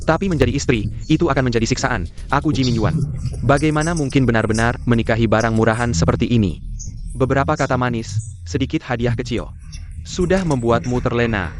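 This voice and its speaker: A man's voice: mid-range voice, brisk, a little hiss or hum, lightly acted. A man dubbing a scheming rich young heir who sweet-talks his girlfriend and mocks her in his asides. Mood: scornful. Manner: sweet-talking aloud, scornful in asides. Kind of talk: dubbed drama acting.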